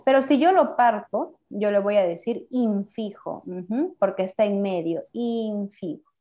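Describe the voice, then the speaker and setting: A woman's voice: medium pitch, unhurried, warm tone, lo-fi sound. A woman teacher, giving a class and asking her students questions, then praising their answers. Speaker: language teacher. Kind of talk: online class lesson.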